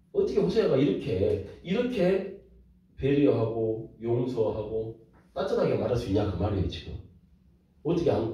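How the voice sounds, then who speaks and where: Animated male pastor in an echoey room. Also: mid-range voice. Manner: animated, rhetorical questions to the audience. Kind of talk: sermon lecture. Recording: echoey room from far off, dull lo-fi.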